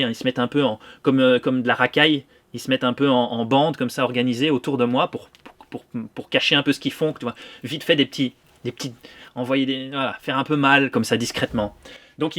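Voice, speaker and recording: A man's voice: mid-range voice, a bit bright. A man with a Belgian French accent, an actor and singer, giving a heated first-person account in a repetitive way, full of rhetorical questions. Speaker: actor and singer telling of an arrest. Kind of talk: indignant first-person testimony.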